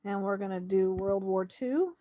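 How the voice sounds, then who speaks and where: A woman calmly walks through a website on screen, narrating each click in a relaxed, conversational way. She thinks out loud as she goes, with a steady, mid-pitched voice. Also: normal speed, dull audio. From Canada. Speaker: homeschool website reviewer. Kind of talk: screen-share website walkthrough.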